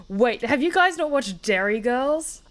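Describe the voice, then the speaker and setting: Chatting at home in the UK, this Australian woman gives casual let's-play commentary on a game she's streaming, wandering off topic with fillers and curses. She speaks slowly, her high voice fairly bright with lively intonation.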